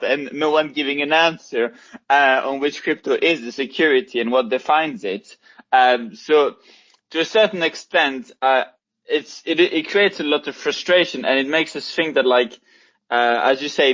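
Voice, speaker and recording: A man co-hosting a casual discussion, laying out a reasoned comparison in a steady, thoughtful way. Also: medium pitch, muffled recording.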